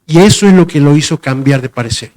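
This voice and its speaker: A man with a fairly high voice preaches a sermon in a loose, conversational manner. He often repeats himself and pauses to hunt for the right word. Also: expressive, darkish tone. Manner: conversational, repeats phrases and searches for words.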